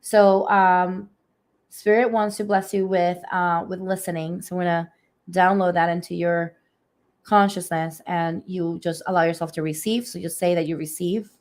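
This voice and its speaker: Over a phone or webcam livestream, an energy healer delivers readings in a soft, slow manner, her fairly low voice keeping a steady tone. Allergies have left her a little hoarse and raspy, and she often pauses, filling gaps with gentle fillers.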